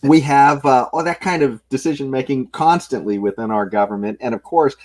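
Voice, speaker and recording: A man's voice: medium pitch, brisk, a little mellow. Podcast host guy, average voice, easygoing, lots of um and uh. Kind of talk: casual political discussion.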